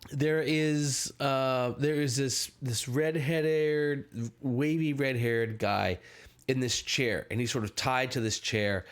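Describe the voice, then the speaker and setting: A man working as game master, improvising descriptions of a tabletop scene in a halting way. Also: mid-range voice, clear, resonant tone.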